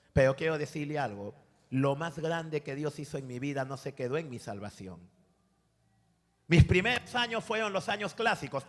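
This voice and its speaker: Brief: Peruvian man, 40s, preaching testimony, bright higher voice, long church-hall reverb. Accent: Peruvian Spanish. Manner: animated storytelling, acting out dialogue, calls listeners brother. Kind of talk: sermon testimony.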